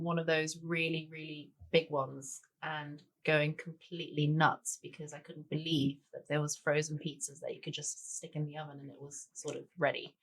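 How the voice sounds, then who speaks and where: A woman in her forties with a low-pitched, slightly bright voice chats as a guest chef and cookbook author in a relaxed interview. Born in Denmark, she grew up in Tanzania, and her talk is loaded with "sort of" and "you know."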